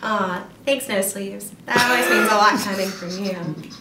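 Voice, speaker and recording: A woman's voice: mid-range voice, moderate pace, recorded from a distance, a loud crowd. A young woman in casual, giggly, teasing banter with her co-hosts. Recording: echoey room, off-mic, noisy.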